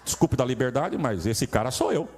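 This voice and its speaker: A man with a Brazilian accent preaching as a traveling pastor. He tells funny stories in an animated way and acts out the dialogue in different voices. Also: medium pitch, moderate pace, slight background noise. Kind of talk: humorous storytelling sermon.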